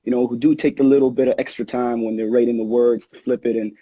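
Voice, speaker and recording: A man, Egyptian-born and now a rapper, chatting casually as the new host with a laid-back, relaxed delivery. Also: mid-range voice, fast, no room sound, poor audio. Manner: laid-back, relaxed, lots of "you know". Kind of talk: casual podcast chat.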